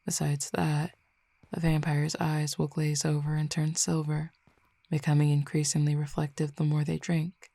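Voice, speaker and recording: In an audio roleplay, a woman voices a commanding, teasing fallen Cupid who isn't human, her tone low, dark and gravelly with a completely flat delivery. She explains calmly, slow and measured, speaking close to the listener and easing into soft whispers. There's no echo.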